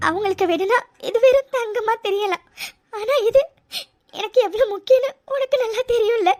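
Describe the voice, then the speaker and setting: A woman's voice: very high voice, fast talker, soft background music. A woman voicing a sincere young woman in a cartoon, tearful and pleading, often repeating her words. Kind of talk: cartoon voice acting.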